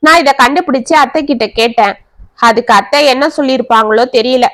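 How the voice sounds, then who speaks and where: A woman's voice: high-pitched, a little fast, a bit bright. A woman voicing a curt, defensive young wife who talks back with scorn. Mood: scornful.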